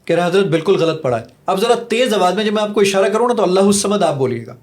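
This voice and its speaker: High-pitched guy showing off his app on a podcast, eager salesy pitch, drops in english bits. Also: lively intonation. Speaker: app creator giving a demo. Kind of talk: podcast guest demonstrating an app.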